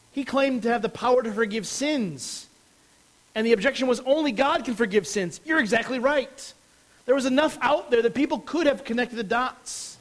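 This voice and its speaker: A man's voice: high voice, rough recording. A man preaching a sermon as a pastor, explaining a passage earnestly and stressing key words.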